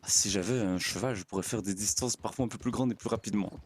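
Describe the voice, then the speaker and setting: A man's voice: lowish voice, fast, slight background noise, close to an everyday voice. A man playing a naive, polite young frontier pastor in an in-character roleplay. He talks to his horse in a formal, fussy way and often stammers and repeats words. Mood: chatty. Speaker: roleplay player.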